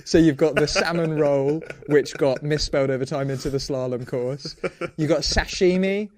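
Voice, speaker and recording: A man's voice: fairly high pitch, moderate pace, a little mellow, dry recording. A young man with a southern English accent co-hosting a comedy podcast, joking around and laughing often. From southern England. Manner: jokey, laughs often, slips into silly voices. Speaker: podcast co-host. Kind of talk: casual comedic chat.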